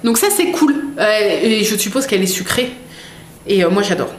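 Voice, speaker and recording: A woman's voice: mid-range voice, expressive, normal speed. A woman vlogger chatting casually as she unboxes products, reading labels aloud with many fillers. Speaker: vlogger unboxing a food box. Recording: echoey room with faint noise.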